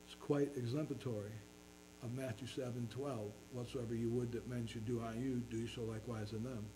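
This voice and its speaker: A man's voice: medium pitch, steady tone, brisk, noisy background. A man preaching a sermon as pastor, earnestly reading scripture in King James wording.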